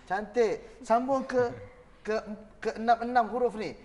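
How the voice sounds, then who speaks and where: A man's voice: very high voice, unhurried, a little mellow, in a large hall. A man with a Malaysian Malay accent teaching a Quran reading class, counting beats aloud and drilling his students in call and response. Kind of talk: demonstrating a lesson on camera.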